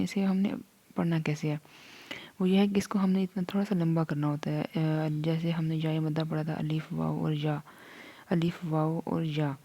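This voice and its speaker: A woman's voice: sits low, mellow. A woman teaching an online reading lesson, patiently drilling letter sounds and drawing each one out.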